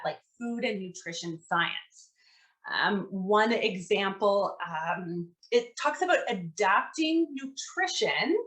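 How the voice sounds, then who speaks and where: A woman dietitian giving a relaxed online presentation to teachers, conversational with lots of fillers and a dry sarcastic streak. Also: fairly high pitch, low-quality recording.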